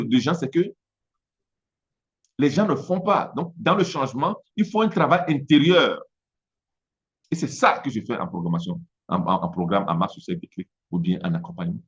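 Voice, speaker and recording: This man, a business coach from Togo and a native Mina speaker, speaks French with an Italian-tinged accent in a halting motivational talk. He has a medium-pitched voice, repeats words as he looks for them, and the audio sounds dull.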